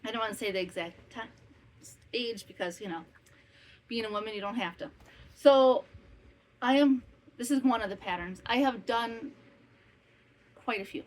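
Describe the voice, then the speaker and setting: Speaking at a normal speed with frequent pauses, a fiftyish podcast host and maker from northwestern Wisconsin rambles through a casual chat at home, full of asides and self-corrections. Her voice is fairly high. On the rough recording, a fan hums faintly against the summer heat.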